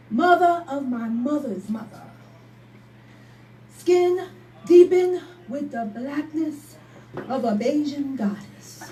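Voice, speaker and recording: High-voiced woman performing spoken word. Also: a little hiss or hum. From Barbados. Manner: rhythmic, emphatic, rising to shouts. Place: live poetry night venue. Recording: echoey room from a distance.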